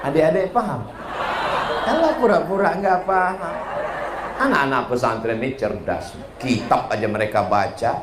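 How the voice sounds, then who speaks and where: A man's voice: medium pitch, moderate pace. A male preacher giving a humorous religious lecture, telling stories and acting out dialogue with playful jumps in voice. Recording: echoey hall, faint noise.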